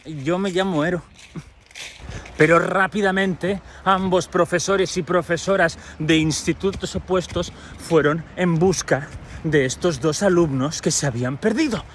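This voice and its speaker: A man's voice: high voice, unhurried, slight background noise. A man, retelling a myth as a playful, chatty storyteller full of modern slang. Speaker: storyteller host.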